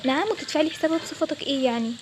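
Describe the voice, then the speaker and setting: Over music, a woman with a high voice and an Egyptian Arabic accent talks rapid-fire in a lightly acted toy role-play story. She plays a young bank clerk who is annoyed and exasperated, snapping back.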